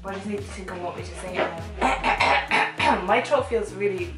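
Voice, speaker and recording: In a small indoor bedroom, a woman in her twenties co-hosts a vlog, bantering casually and playfully about a challenge. Her voice is medium-pitched and moderately paced, with loud music behind it. A camera mic a couple of metres away gives the sound a roomy, distant quality.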